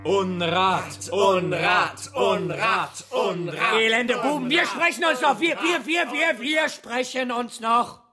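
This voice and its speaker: An actor playing a stern, pompous professor with stiff, formal speech in old film style. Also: male voice, fairly high pitch, animated, a little slow, fairly bright tone, faint music behind. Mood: furious outrage. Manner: stiff, formal, indignant, stammers repeating words when enraged. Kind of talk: early sound film acting.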